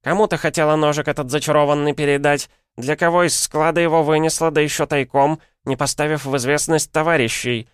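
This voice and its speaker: Guy putting on a shrill wobbly old granny, yelling accusations, smooth clean tone. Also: fairly even intonation, no echo, studio quality, close to an everyday voice. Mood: scolding. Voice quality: quavering, shrill. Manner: accusing, rapid scolding. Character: shrill scolding old village woman.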